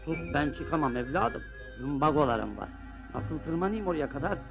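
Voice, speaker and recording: A man's voice: on the high side, animated, moderate pace. An actor in an old film playing a crafty, bossy old grandfather. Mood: whining. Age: older. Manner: gravelly, coaxing, bossy. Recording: dull old film soundtrack with music.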